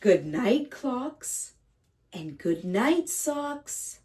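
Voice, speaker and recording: A woman reading a picture book aloud to young children as a teacher, speaking to them directly in simple, gentle phrases. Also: a little high, very animated, extremely slow. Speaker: kindergarten read-aloud teacher and host. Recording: slightly distant microphone.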